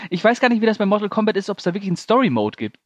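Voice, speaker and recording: A man's voice: sits high, very animated, very fast, dry recording. A man from Germany hosting a film podcast, steering the chat with teasing, crude jokes. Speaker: podcast host. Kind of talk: casual chat.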